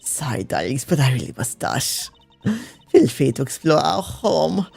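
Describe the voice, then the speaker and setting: Picture a flamboyant, airy older hostess who tosses off foreign phrases as if they were nothing, put on by a man. The voice carries a gravelly edge and a mellow, dark tone. Faint music plays behind her. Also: fairly high pitch, very animated, measured pace, full character voice. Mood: breezy theatrical.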